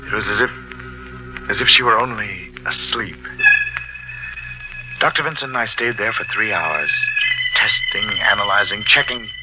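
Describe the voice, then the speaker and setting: A man's voice: lowish voice, close to an everyday voice. An actor playing a grim, haunted coroner narrating his story in 1940s radio drama. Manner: grim first-person narration. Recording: dull old radio recording with music.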